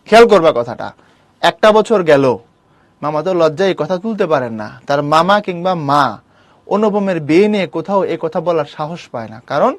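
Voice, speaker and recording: A male teacher explains a literature text in a lively way, teasing and scolding his students directly. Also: on the high side, no echo. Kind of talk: online class lecture on a literature text.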